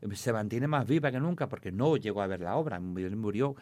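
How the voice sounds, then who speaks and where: A rapid-fire man spinning comic family stories. He talks fast and keeps jumping up in pitch to act out the people in them. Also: no room sound. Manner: animated storytelling, acting out his mother in a high voice. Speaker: comic actor, guest. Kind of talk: casual anecdotes in an interview.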